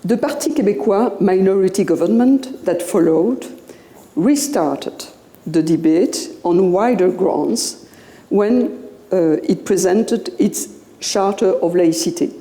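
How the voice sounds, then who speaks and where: An older woman, a native French speaker with a Belgian French accent, gives a public guest lecture in English at a podium microphone in a lecture room. Her mid-range voice is warm, slow, and measured, pausing often with "uh," and the hall is echoey with long reverb.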